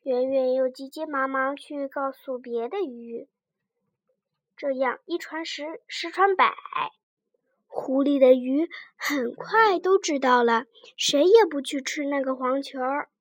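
A woman reading a children's story aloud in a gentle, expressive storytelling manner. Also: high-pitched, slow pace, dry recording.

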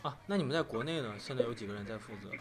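A man's voice: medium pitch, animated, very fast. A man hosting an interview podcast, asking probing questions and giving brief acknowledgments. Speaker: podcast host.

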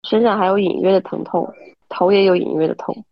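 A woman lying in bed at home, hoarse and stuffy from illness, giving a wry, self-mocking account over an online call. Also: medium pitch, fairly even intonation, fairly quick, dry recording, muffled recording. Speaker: podcast team member. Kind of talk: casual chat. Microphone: online call app from home.

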